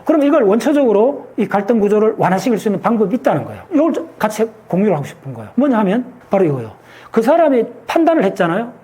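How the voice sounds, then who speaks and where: Emphatic, fast-talking man. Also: high-pitched, mellow. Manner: emphatic, asks rhetorical check-in questions. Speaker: guest scientist. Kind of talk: explanatory talk on a show.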